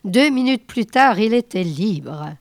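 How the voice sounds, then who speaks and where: A woman reading a novel aloud in a measured, unhurried way. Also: medium pitch, lively intonation, dry recording. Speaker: reader.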